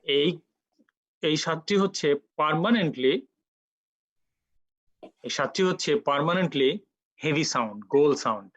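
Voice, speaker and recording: A man teaching Quran recitation rules in an online lecture, explaining patiently step by step and repeating sounds slowly for practice. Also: on the high side, expressive, a bit bright, dry recording, rough recording.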